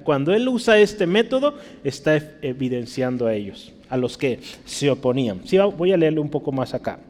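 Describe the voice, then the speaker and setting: Male preacher, slightly high voice, teaching sermon, long hall reverb. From Mexico. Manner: asks frequent tag questions, teaching tone.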